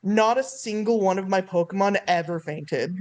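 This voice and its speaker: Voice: medium pitch, normal speed, a little mellow. A person chatting casually and eagerly on a stream about favorite games, rambling with lots of "like". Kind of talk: casual gaming chat.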